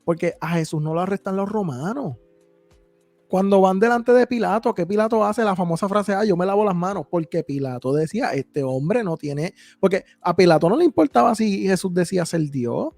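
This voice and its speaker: High gravelly-voiced man hosting a podcast. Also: animated, normal speed, a little mellow, no room sound, soft background music. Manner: reads scripture aloud, explains with rhetorical questions. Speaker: podcast host. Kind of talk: casual Bible discussion.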